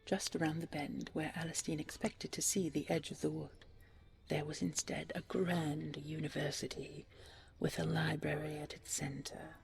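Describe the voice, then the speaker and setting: In a soft, breathy voice, a woman storyteller narrates a scripted bedtime fairy tale, soothing and unhurried. Her pitch is low and barely moves.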